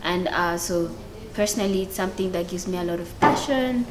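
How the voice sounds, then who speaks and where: A woman from Rwanda, an economist and analyst, speaking briskly in a group interview. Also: lowish voice, heavy background noise.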